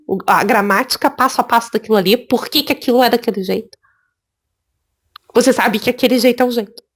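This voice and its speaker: Brazilian woman teaching english prep, high-ish voice, keeps repeating stuff to hammer it in. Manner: lively, repeats words for emphasis. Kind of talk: spoken lesson.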